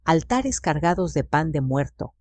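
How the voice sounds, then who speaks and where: Low-voiced woman narrating a dramatic story. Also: very animated, a little slow, darkish tone, dry recording.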